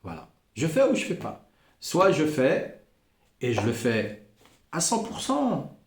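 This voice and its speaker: A man giving an informal Torah lesson, animated, repeating phrases and acting out little voices. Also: fairly high pitch, slow pace, roomy sound. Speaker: Breslov teacher.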